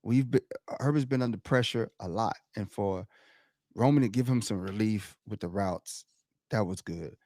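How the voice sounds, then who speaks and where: A man co-hosting a podcast, talking sports in a casual, animated way, laughing and mimicking the crowd. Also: on the low side, moderate pace, no room sound, studio quality. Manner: animated, laughs often, loud shouted impressions of the crowd. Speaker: podcast co-host.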